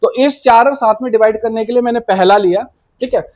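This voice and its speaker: High-voiced man teaching grammar step by step. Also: brisk, darkish tone. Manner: explains step by step with rhetorical questions to students; repeats filler words and sounds out letters one by one. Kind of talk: recorded exam-prep lecture.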